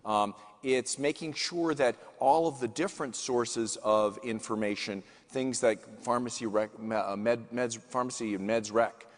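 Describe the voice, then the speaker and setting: A male CEO, appearing as a guest speaker, answers questions on a conference panel on stage in a large hall, earnest and often restarting his phrases. His medium-pitched voice is fairly even in intonation and a little slow, with hardly any pauses, and the hall adds long reverb.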